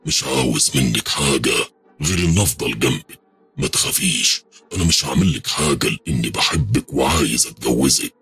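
A man voicing a possessive, lovesick male jinn in a horror story, speaking slowly and low with an Egyptian accent. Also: a bit bright, husky, soft background music, exaggerated voice. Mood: tender. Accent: Egyptian Arabic.

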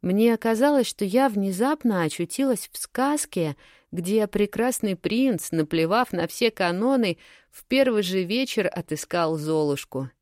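A woman narrating a first-person story for an audiobook, telling it in a lively, expressive way. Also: mid-range voice, measured pace, no echo, clean studio sound.

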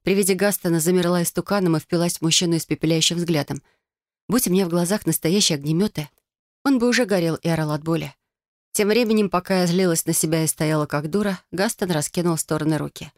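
A woman's voice: lowish voice, fast talker, a little mellow, dry recording, studio quality. A woman narrating a first-person fantasy romance audiobook in a sardonic, sarcastic manner.

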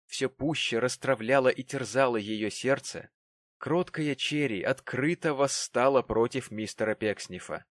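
A man's voice: mid-range voice, no echo. Man narrating a classic novel. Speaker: audiobook narrator. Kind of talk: scripted literary narration.

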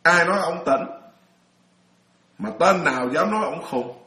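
Middle-aged monk, storytelling dharma talk, slightly high voice, roomy echo. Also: male voice, lively intonation, unhurried, pushed and bright. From Vietnam. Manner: chatty storyteller, laughs often, many restarts. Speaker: Buddhist monk lecturer.

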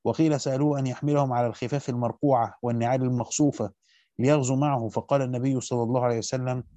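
Rapid scholarly male reader, dull dry sound. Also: mid-range voice, dry recording. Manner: rapid steady recitation, slows to stress key words. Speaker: teacher reading a Quran commentary aloud. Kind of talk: fast scholarly reading of a classical text with brief comments.

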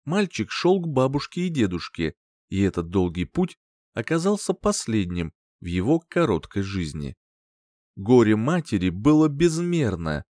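A man's voice: lowish voice, a little mellow, dry recording, studio quality. A man narrating an audiobook crime story in a dramatic, storytelling manner.

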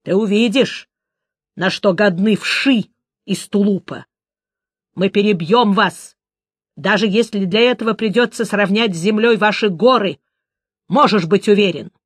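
A woman's voice: mid-range voice, a little slow, pauses often, breathy edge, no room sound, studio quality. A woman voicing a frightened yet defiant young male poet who speaks in a heated rush.

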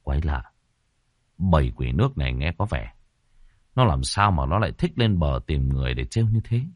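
A man voicing a calm, fearless old grandfather who speaks in a matter-of-fact way. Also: a bass voice, fairly quick, no echo, pitched below the performer's own voice, full character voice. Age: older.

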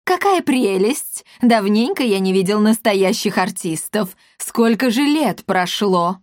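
A woman's voice: mid-range voice, expressive, unhurried, no room sound, clean studio sound, close to an everyday voice. A woman voicing a giddy, ingratiating male ghost in a plumed hat in a storybook. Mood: wheedling. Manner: ingratiating, delighted.

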